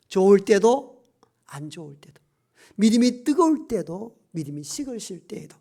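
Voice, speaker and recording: A pastor preaching a sermon, moving between raised, emphatic lines and hushed, near-whispered ones, and drawing out key phrases slowly. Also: medium pitch.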